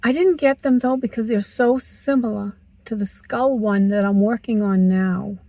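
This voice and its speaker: A woman's voice: mid-range voice, normal speed, mellow, dry recording, low-quality recording. A woman in her sixties vlogging from her parked car, chatty and teasing herself as she talks. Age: 60s. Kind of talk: casual chatty vlog.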